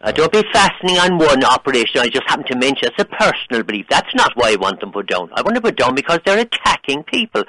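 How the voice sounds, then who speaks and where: A man's voice: a little high, bright, forceful tone, dry recording, poor audio. An Irish man arguing on a radio phone-in in an opinionated, emphatic, condescending way. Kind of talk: heated phone-in debate.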